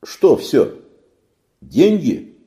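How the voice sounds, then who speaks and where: A man voicing a sailor who questions urgently and gives quick, practical orders. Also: fairly low pitch, animated, gravelly, warm tone. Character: inquisitive male sailor, hurried, practical.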